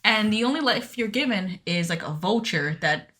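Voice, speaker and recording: With a medium-pitched, pushed and bright voice, a young woman co-hosting a podcast chats in a friendly, relaxed way at a moderate pace with lively intonation. She reads out contact details and listener email info.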